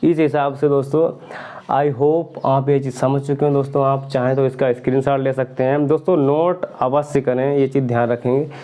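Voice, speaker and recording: A man's voice: medium pitch, steady tone, moderate pace, warm tone. A man teaching a Hindi grammar lesson, asking questions and answering them himself while he drills pairs of syllables.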